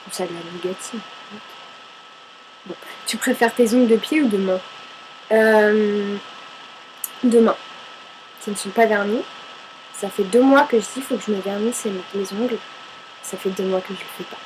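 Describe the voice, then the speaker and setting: Speaking at a normal speed in a medium-pitched voice, with frequent pauses and background noise, a woman from Paris fields viewer questions in a casual chat to camera. Her style is chatty and self-deprecating, with offhand swearing and a habit of debating herself.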